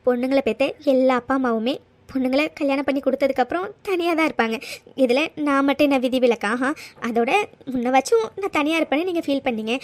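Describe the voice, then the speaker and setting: A woman voicing a loving middle-aged mother in a cartoon story, coaxing and gently scolding her daughters. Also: sits high, close to an everyday voice. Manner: soothing, coaxing with "ha?" tags.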